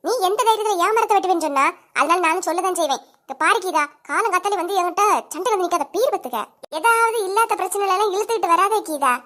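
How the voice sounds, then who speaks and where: Very high-voiced quarrelling village woman, as a woman voices her. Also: quick pace. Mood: quarrelsome. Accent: Kanyakumari Tamil. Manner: sharp quarrelling, scolding and accusing. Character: bickering village women neighbours, quick-tempered. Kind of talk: cartoon comedy voice acting.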